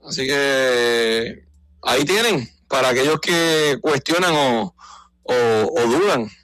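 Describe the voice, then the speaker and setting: A man's voice: mid-range voice, animated, slow pace, a bit bright, no echo, rough recording. A man, talking baseball in a casual radio conversation, explaining things in an informed, emphatic way. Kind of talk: casual sports talk.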